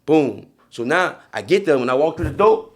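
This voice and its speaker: A man's voice: a little high, lively intonation, moderate pace. A young man with a New Orleans accent, telling a story in casual streetwise slang on a podcast. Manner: streetwise slang, frequent "you feel me". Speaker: podcast guest.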